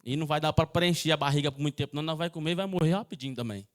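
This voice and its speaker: A man's voice: fairly high pitch, rapid-fire. A man preaching a sermon in church, telling stories and dramatizing the voices in them. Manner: storytelling preaching, dramatizing quoted voices, sometimes singsong. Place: church sanctuary.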